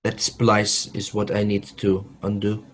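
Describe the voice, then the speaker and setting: A man's voice: fairly low pitch, completely flat delivery, measured pace, a little hiss or hum, natural voice. A man doing a grave elf mage. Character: solemn male elf mage performing a ritual.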